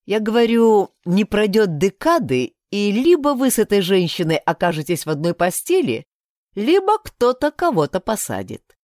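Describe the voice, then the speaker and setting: A woman's voice: mid-range voice, big pitch swings, normal speed, darkish tone, no room sound, clean studio sound, voice pushed up, close to an everyday voice. A woman voicing a male deputy sheriff who talks in an ironic, teasing way.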